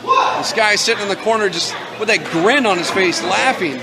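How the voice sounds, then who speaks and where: A man calling live pro wrestling play-by-play as an excitable announcer who exclaims at the big moves. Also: sits high, normal speed, poor audio. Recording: loud crowd noise behind commentary. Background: wrestling crowd.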